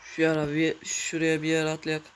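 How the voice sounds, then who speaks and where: A man giving casual, excitable commentary while playing a mobile game, cursing and talking to his viewers. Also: fairly high pitch, normal speed, background noise. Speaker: gamer.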